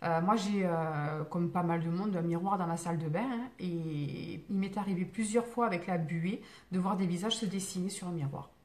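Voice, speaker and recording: A woman's voice: fairly low pitch, moderate pace, few pauses, darkish tone. A woman hosting a live stream as a spiritual medium, talking casually and answering viewer comments, with many fillers, restarts and digressions in a reassuring tone. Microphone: phone.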